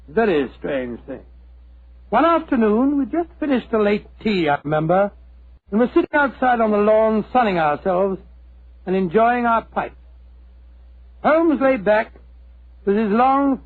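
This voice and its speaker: An actor playing a genial older British doctor, a chatty, courteous, slightly fussy storyteller in a 1940s radio drama. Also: male voice, high-pitched, breathy edge, heavily acted. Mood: storytelling. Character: genial older doctor, detective's loyal old friend. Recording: tinny, lo-fi 1940s radio recording.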